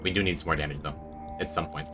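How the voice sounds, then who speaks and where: Over background music, a fast-talking man with fairly even intonation gives casual commentary to his chat during a video game stream. His congested voice carries rambling, self-mocking talk punctuated by high, squeaky jokes.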